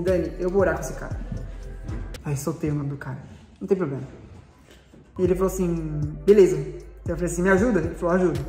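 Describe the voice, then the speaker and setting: A man's voice: high voice, darkish tone. A man with a Brazilian accent giving a personal faith testimony in a casual, slangy storytelling way, acting out the dialogue. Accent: Brazilian Portuguese. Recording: roomy echo with long reverb, faint background music.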